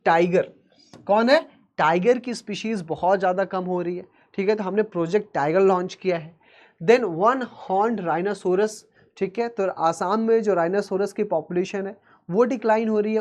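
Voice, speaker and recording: A male teacher giving a classroom-style video lesson, calling his students "beta" and adding "theek hai" after nearly every point, often slowing down for English phrases. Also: high voice, a little mellow. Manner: mixes Hindi with slow, careful English phrases.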